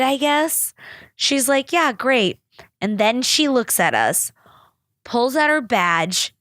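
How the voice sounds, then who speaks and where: A woman's voice: mid-range voice, fairly bright tone, dry recording, clean studio sound. A young woman hosting a casual solo podcast, telling a story in a rambling way, full of fillers and laughter. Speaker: podcast host.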